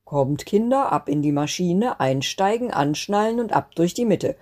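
A woman reading a storybook aloud and voicing an old grandfather weather spirit who briskly calls out boarding announcements. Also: fairly low pitch, lively intonation, darkish tone, voice pushed up. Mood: bustling.

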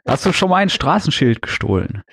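A man's voice: mid-range voice, very animated, fairly quick, vocal fry, a bit bright, breathy edge. A man co-hosting a casual podcast chat; his microphone overdrives, so his voice comes through distorted and tinny, and he jokes and laughs easily. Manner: laughs often, joking, easygoing. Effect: overdriven, distorted, tinny mic sound. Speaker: podcast co-host. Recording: clipping, fuzzy distortion on a dry mic.

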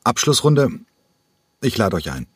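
A man's voice: medium pitch, sing-song, a little slow, breathy edge, dry recording, pitched above the performer's own voice. A man reading an audiobook and voicing a proud, hot-tempered male taverna owner who scolds rude guests. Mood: friendly. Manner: scolding, emphatic. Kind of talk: audiobook character voice.

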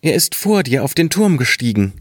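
Frightened sexton's wife, man doing a high fretful voice, agitated, pleading, storybook. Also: big pitch swings, moderate pace, dry recording, studio quality. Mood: anxious, upset.

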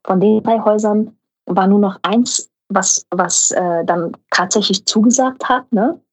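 A young adult woman, an actress, telling a lively anecdote and acting out the voices of the people in it. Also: a little slow, husky, poor audio. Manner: acts out voices of others in her story, often rising high. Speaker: actress and guest.

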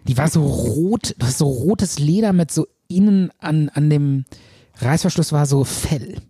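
Male podcast co-host, rambling storyteller, slightly high, dark husky tone, dry close mic. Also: lively intonation, unhurried, no echo. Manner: rambling, hesitant storytelling with many fillers. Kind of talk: casual chat, telling a dream.

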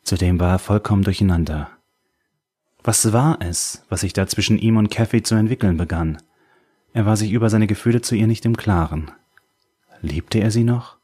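A man calmly narrating a novel as an audiobook reader. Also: lowish voice, moderate pace, breathy edge. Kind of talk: scripted narration.

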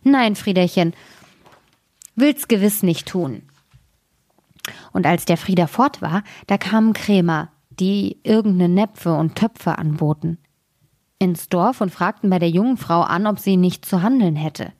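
A woman reading a fairy tale aloud as a storyteller, softly narrating and giving the characters lively voices. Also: on the low side, normal speed, dry recording, studio quality.

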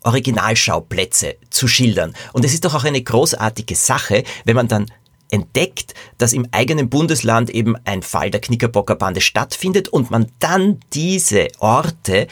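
Brief: male podcast host and storyteller, deep, animated, dry close mic. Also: moderate pace, slightly rough, no room sound. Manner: lively storyteller. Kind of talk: reading a children's story aloud.

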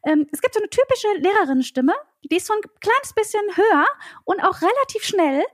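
A woman imitating a stressed female teacher with a high, hurried voice. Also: sing-song, no echo, studio quality. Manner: high and rushed, tense.

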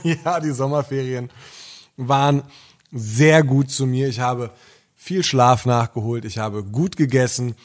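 A man co-hosting a casual podcast, telling stories in an upbeat way and laughing often. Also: medium pitch. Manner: upbeat storyteller, quick to laugh. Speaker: podcast co-host.

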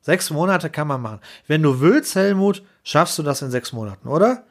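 A man chatting casually on a podcast, telling a lively story and acting out clients and bosses in quick voices. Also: fairly high pitch. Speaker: podcast co-host.

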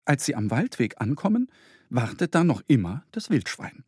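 Lively slightly husky male storyteller. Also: mid-range voice, moderate pace, dry recording, studio quality. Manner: lively, expressive reading. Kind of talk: scripted children's story narration.

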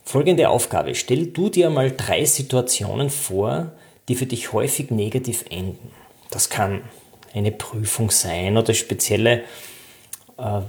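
A man's voice: medium pitch, a little mellow. Direct, instructive male self-help coach. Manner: direct, addresses the listener informally.

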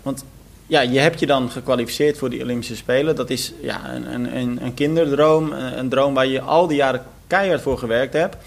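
A man's voice: mid-range voice, a little fast, gravelly. A man hosting a podcast interview, talking in a chatty, enthusiastic way that often trips over his own words. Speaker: podcast host.

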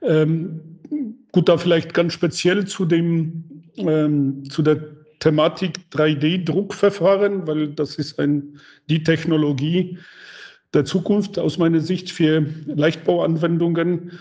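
A man's voice: on the high side, fairly even intonation, takes it slowly, darkish tone, muffled recording. A middle-aged man, a professor and institute director, speaking as a guest over a remote line, hesitant with many filler sounds. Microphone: remote connection.

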